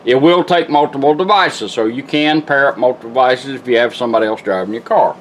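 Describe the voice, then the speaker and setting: Working at an indoor workshop bench, this middle-aged technician demonstrates a vintage car radio product in a casual, hands-on, folksy way, explaining plainly as he goes. He talks fast in a medium pitch, with radio music playing behind him and a slight hiss or hum on the recording.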